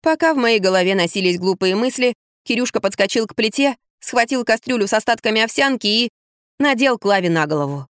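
A woman's voice: a little high, a little fast, no room sound. Woman narrating an audiobook, dry close sound. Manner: first-person storytelling, lively and expressive. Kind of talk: audiobook reading.

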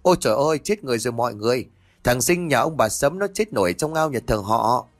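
A man voicing a panicked village woman who shouts frantically. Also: mid-range voice, animated, quick pace, dry recording.

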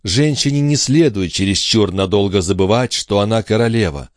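A man's voice: lowish voice, normal speed, no room sound, clean studio sound, close to an everyday voice. A man voicing an anguished queen in love in an audiobook, speaking in a breathless, pleading way. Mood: wistful. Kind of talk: audiobook character voice.

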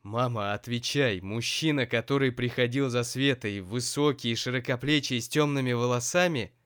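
A man voicing a furious, jealous young prisoner who shouts threats in an audiobook. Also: mid-range voice, normal speed, smooth, no room sound, clean studio sound, pitched above the performer's own voice, close to an everyday voice. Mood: enraged.

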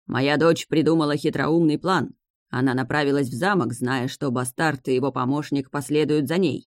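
Brief: reader playing a vengeful sea king, slow, growling, dry close sound. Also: fairly high pitch, fairly even intonation, dry recording, natural voice. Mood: scheming. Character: furious grieving male sea king, vengeful.

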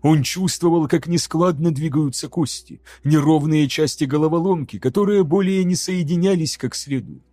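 A man narrating an audiobook in a measured, dramatic reading style. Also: a little high, dark tone, no room sound. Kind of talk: scripted narration.

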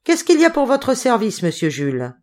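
A woman voicing a rough village bandit who threatens loudly and mockingly. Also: fairly high pitch, wildly swooping pitch, moderate pace, pitched above the performer's own voice.

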